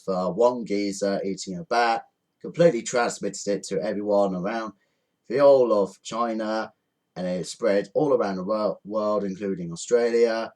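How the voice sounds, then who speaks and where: A man's voice: fairly low pitch, darkish tone. A man ranting angrily to camera from home, swearing often and repeating his points with indignation. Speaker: vlogger. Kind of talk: angry rant to camera. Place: indoors at home.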